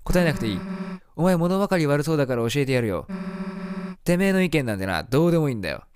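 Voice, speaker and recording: A man voicing a tough, rude monster schoolgirl who talks in a gruff, threatening way while reading game dialogue. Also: fairly high pitch, sing-song, fast, darkish tone, soft background music. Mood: menacing. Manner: gruff, threatening, coarse speech. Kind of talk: voicing game dialogue during a let's play.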